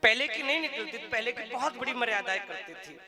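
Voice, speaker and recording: High-voiced man preaching over accordion music. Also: a little fast. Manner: storytelling, calls on the crowd to chant. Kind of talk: devotional discourse with a folk story. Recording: live talk with accordion music behind.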